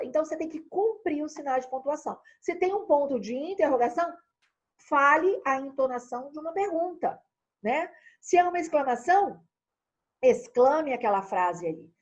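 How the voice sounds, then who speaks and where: A Brazilian woman teaching an online class in a lively, chatty way, speaking straight to her students. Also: high-pitched, husky, muffled recording. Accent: Brazilian Portuguese. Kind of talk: recorded online lesson.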